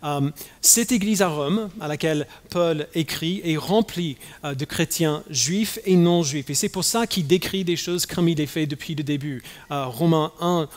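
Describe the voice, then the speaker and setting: Halting, high-pitched male preacher in a hall. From United States. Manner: halting, many fillers and restarts. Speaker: pastor. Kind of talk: sermon. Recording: long hall reverb.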